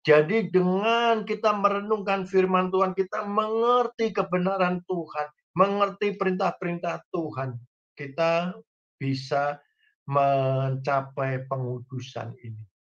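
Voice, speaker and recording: A man's voice: high-pitched, a little slow, a bit bright, dull audio. A man preaching a sermon as pastor, speaking straight to the congregation with folksy, humorous examples. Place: church online service.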